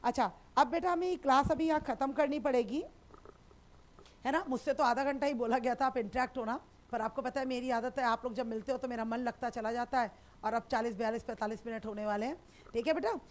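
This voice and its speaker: High-voiced woman teacher, reassuring. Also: a little fast. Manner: affectionate, reassuring, calls students beta. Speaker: sociology teacher. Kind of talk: live online class chat with students.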